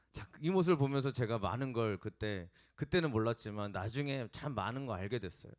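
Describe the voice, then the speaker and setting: A male pastor preaching a sermon and telling a lively story from his own childhood, acting out the voices of the people in it. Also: on the low side. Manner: animated storytelling, acts out quoted voices. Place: church sanctuary.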